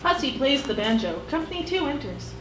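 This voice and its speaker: A woman reading stage directions aloud in a crisp, matter-of-fact way. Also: sits high, very animated, a little fast, fairly bright tone, slight background noise. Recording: echoey hall, far from mic, music.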